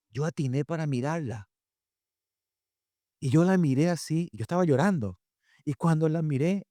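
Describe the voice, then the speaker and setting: A male preacher gives a sermon, telling lively stories and acting out what people said. His voice sits fairly high and swings widely in pitch. The sound is dry and close on the microphone. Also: dry recording. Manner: animated storytelling, acts out quotes. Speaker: pastor and family speaker.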